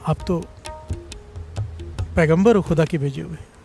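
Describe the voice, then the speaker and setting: A man's voice: takes it slowly, gravelly, darkish tone, soft background music. A man giving a devotional sermon, telling a story and often calling the congregation to respond. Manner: rises in pitch and volume at emphatic points. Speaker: preacher. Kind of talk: Sikh katha sermon.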